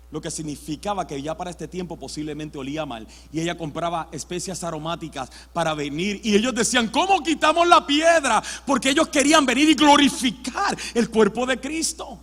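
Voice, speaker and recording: A man, a pastor preaching a sermon with dramatic, animated storytelling. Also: a little high, normal speed. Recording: long church-hall reverb.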